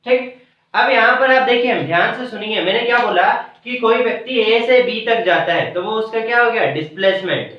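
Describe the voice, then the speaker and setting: A male teacher with a high voice walks through a lesson step by step, asking questions and answering them himself. He sounds far from the mic in a very echoey room. The sound is dull and lo-fi. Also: a little fast. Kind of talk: classroom math lesson.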